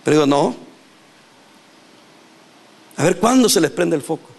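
A male pastor preaching a sermon in a lively, animated way, laughing and acting out quotes. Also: fairly high pitch, unhurried, creaky.

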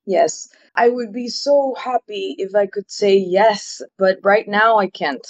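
A woman's voice: mid-range voice, slow, no echo. A woman from Ecuador, answering interview questions as a political campaigner, earnest and opinionated, often restarting her phrases. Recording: dull, dry audio.

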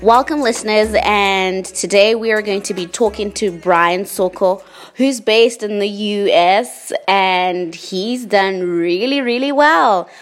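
A woman's voice: medium pitch, slow pace, soft background music. A woman hosting an interview show, introducing her guest and asking questions in an upbeat way. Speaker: podcast host.

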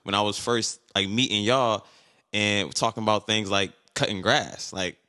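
Laid-back man, bright voice. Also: fairly low pitch, steady tone, moderate pace. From Buffalo, New York. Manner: laid-back, full of fillers like "you know what I mean". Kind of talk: casual chat.

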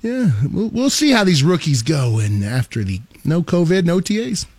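A man co-hosting a sports radio show with a high voice that rises and falls a lot. He teases his partner in casual banter, and the studio sound is dry and close. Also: very animated, moderate pace, darkish tone, dry recording. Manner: teasing, joking banter.

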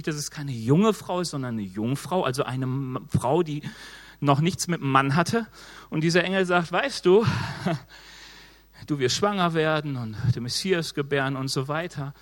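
A man preaching a casual, lively sermon, acting out excuses in quick quoted voices. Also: fairly high pitch. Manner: moves around while preaching.

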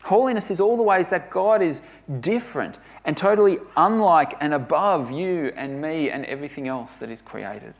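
A man preaching a sermon, earnest and emphatic, often dropping to a hush for weight. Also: fairly high pitch, expressive, moderate pace, hardly any pauses.

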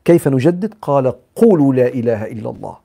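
A man's voice: mid-range voice, lively intonation, quick pace, vocal fry, dark tone. A man with an Egyptian accent giving a live religious talk, answering questions in a conversational way, mixing in English psychology terms and acting out examples.

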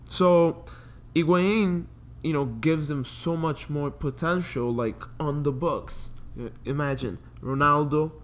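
A man's voice: fairly high pitch, takes it slowly, hardly any pauses. A man chatting casually as a sports podcast co-host, with loose, informal phrasing full of filler words. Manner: informal, loose phrasing peppered with "like" and "you know".

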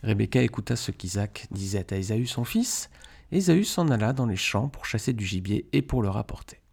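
A man reading a Bible chapter aloud in a steady, measured way. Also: lowish voice, gravelly, breathy edge. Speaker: Bible reader.

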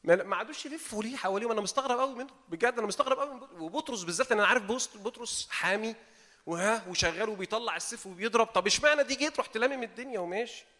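Fast-talking Egyptian preacher in a hall. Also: male voice, high voice. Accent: Egyptian Arabic. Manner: animated, asks the audience rhetorical questions. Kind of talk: informal sermon. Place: meeting hall.

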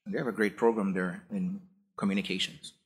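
A Jamaican man in his forties, a guest professor, tells his story in a relaxed, rambling way that often restarts. His voice is slightly low and husky, with a breathy edge. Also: fairly quick. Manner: relaxed, anecdotal, frequent restarts. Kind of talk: conversational interview storytelling.

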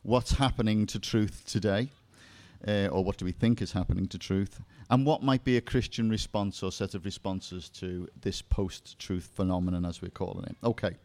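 Speaking at normal speed in a low, slightly mellow voice, this Liverpool-accented English seminar speaker addresses a live audience about faith. He mixes in asides and jokes at his own expense.

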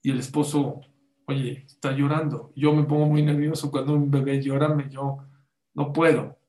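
A religious teacher preaches to his listeners, often stopping to ask them questions and weaving in Hebrew sayings. His voice sits a little high for a man. The room around him is echoey. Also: flat delivery, moderate pace, warm tone. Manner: asks the audience rhetorical questions, cites Hebrew sources. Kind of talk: sermon-style talk on parenting.

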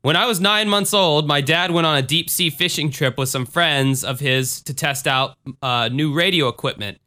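A man's voice: on the high side, moderate pace, sharp tone. A man hosting a podcast in a casual, informal, conversational style, sometimes reading aloud. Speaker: podcast host.

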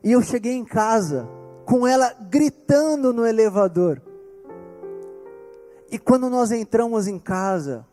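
A man with a Brazilian accent preaching a sermon, telling a personal story earnestly and slowing down on key words. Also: extremely high pitch, lively intonation, dark tone, soft background music. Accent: Brazilian Portuguese. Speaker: pastor.

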